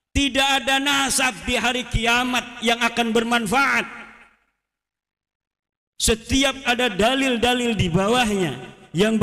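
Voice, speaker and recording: Fervent preacher man in an echoing hall. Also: very high-pitched. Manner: rhetorical, builds up to fervent shouts. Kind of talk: public religious lecture. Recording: long hall reverb.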